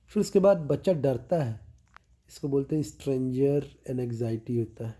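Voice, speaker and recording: Using a warm, mid-range voice, a man tutoring for a medical exam walks through milestones with mnemonics. After each point he checks in, and he slows and lowers his voice on key terms.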